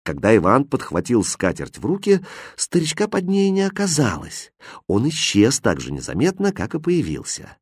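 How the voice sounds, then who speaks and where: A man narrates a fairy tale with an expressive, storybook reading, his pitch rising and falling lively. Mid-pitched voice, recorded close and dry. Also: normal speed, breathy edge, no room sound.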